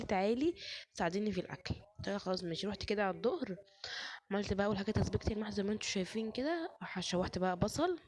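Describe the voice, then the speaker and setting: A hoarse woman with an Egyptian accent, chatting to her viewers while cooking in a home kitchen. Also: medium pitch, a little mellow, a little hiss or hum. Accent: Egyptian Arabic. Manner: chatty, addresses viewers directly. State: hoarse, sore chest, fasting. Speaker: cooking vlogger. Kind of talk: casual chat narrating cooking.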